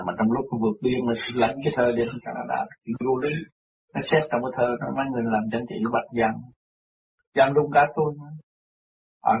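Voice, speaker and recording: A man's voice: mid-range voice, vocal fry. A man with a Southern Vietnamese accent recounting his past in casual talk, rambling and repeating words, acting out the voices of people he quotes. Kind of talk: casual spoken recollection. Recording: distant, muffled mic with faint room noise.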